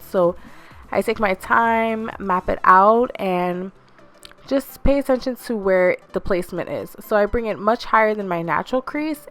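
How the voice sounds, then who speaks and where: Casting: young woman, casual tutorial voice-over, friendly and instructive, soft music underneath. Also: medium pitch. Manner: chatty, instructive, self-deprecating. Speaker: beauty vlogger.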